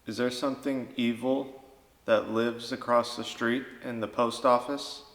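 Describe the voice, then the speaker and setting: A man's voice: medium pitch, level tone, measured pace, fairly bright tone. A man hosting a paranormal vlog, talking casually and putting questions to spirits in an echoey indoor space. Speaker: host of paranormal investigation vlog. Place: inside an old general store at night. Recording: echoey reverberant large indoor room.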